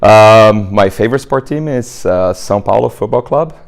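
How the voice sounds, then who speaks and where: A man's voice: on the low side, normal speed, gravelly. A man from Brazil with a Brazilian Portuguese accent, answering interview questions casually, tying his points together with "right?" and "you know". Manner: talks in loose chains with "right?" and "you know" fillers. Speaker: interview guest, marketing director.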